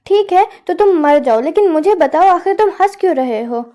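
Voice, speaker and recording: A woman's voice: extremely high pitch, lively intonation, normal speed, a little mellow. A woman voicing a merchant's nagging, angry wife in a storybook tale, demanding and insistent.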